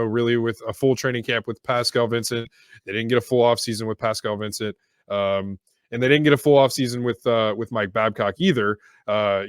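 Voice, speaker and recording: A man co-hosts a hockey podcast, thinking aloud in a loose, halting way. His voice is smooth and clear and sits on the low side. The recording is close and dry. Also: dry recording. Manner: hesitant, many fillers and restarts. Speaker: podcast co-host. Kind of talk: casual sports chat.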